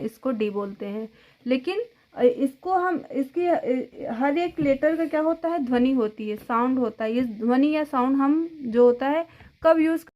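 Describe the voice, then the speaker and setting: A woman with a high voice walks parents through letter sounds one by one. She repeats each sound slowly and keeps asking whether they are following, in a patient teaching tone. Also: dull audio. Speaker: phonics teacher. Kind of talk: explanatory lesson for parents.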